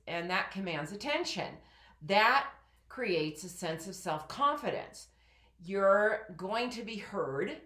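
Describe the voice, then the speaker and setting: Woman, middle-aged, low voice, head cold, calm coaching lesson, roomy sound. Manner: calm, coaching, talks the listener through breathing exercises. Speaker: personal development teacher. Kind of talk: instructional talk to camera.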